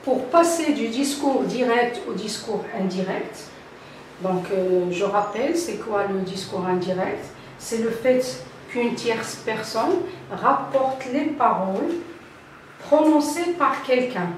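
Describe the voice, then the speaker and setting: An older woman, a French teacher, giving a slow grammar lesson and repeating key terms deliberately. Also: fairly high pitch, lively intonation, slight background noise. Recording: echoey room, voice from a distance.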